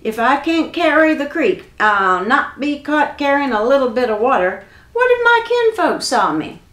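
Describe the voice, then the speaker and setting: A woman's voice: sits high, sing-song, normal speed, fairly bright tone, reverberant, pitched above the performer's own voice. A woman voicing a sly, clever young country man who talks in a folksy drawl.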